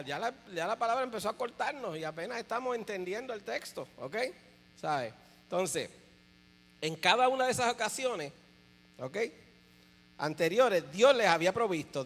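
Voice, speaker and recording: A man teaching a workshop for preachers, explaining slowly, stressing key words and checking in with his listeners again and again. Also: sits high, a bit bright. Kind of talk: church teaching talk. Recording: long hall reverb with faint mains hum.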